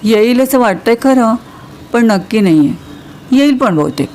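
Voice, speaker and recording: A woman's voice: a little high, lively intonation, unhurried, darkish tone, a little hiss or hum. A woman reading as a cool, evasive young man. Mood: matter-of-fact. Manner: cool, matter-of-fact.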